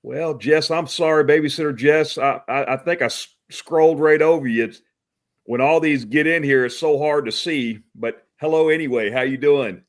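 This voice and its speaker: A man's voice: on the high side, normal speed. A man from Texas hosting a casual livestream talk show, greeting viewers by name, often calling them brother and chuckling. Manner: friendly, calls people brother, chuckles often.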